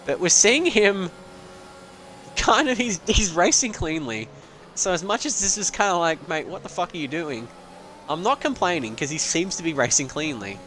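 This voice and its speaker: A man's voice: sits high, sing-song, moderate pace, a bit bright, a little hiss or hum. A young man giving loose, rambling live commentary on an online sim race, joking and swearing as he goes. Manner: casual, rambling, swears and laughs.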